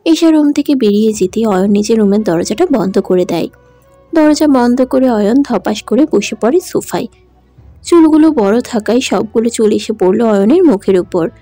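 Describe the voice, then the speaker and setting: A woman's voice: a little high, expressive, moderate pace, mellow, no echo, soft background music. A woman narrating a romantic audio drama in an emotive, dramatic manner. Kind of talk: scripted story narration.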